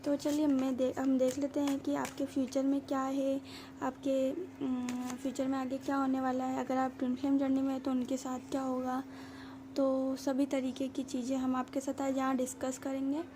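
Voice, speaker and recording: High, flat-voiced woman tarot reader. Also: moderate pace, slight background noise. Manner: chatty, reassuring, loose with filler sounds; voice comes out somewhat quiet. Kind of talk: casual direct-to-camera tarot reading.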